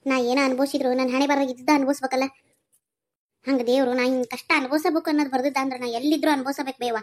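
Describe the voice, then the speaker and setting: A young village daughter from a cartoon, gentle and devoted, voiced by a woman with a North Karnataka Kannada accent. She pleads and soothes in a high, quick voice that tumbles out fast. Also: little pitch movement. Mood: tender. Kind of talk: cartoon voice acting.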